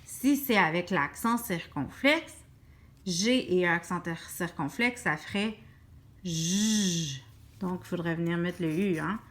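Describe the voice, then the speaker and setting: Québécois woman teacher, bright clear voice, unhurried, spells words out sound by sound. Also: on the low side, animated. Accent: Québécois French. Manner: slow, stretched-out sounding of syllables. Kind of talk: teaching children a writing lesson.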